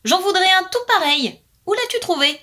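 A woman voicing a greedy, excitable little male blackbird in a storybook tale, with a high, eager voice. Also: normal speed, exaggerated voice.

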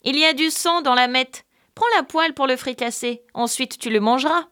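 A woman's voice: sits high, normal speed, bright, forceful tone, voice pushed up. A woman voicing an ugly, wicked man who pretends to be a sick grandmother, speaking in a plaintive, wheedling way. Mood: plaintive, coaxing.

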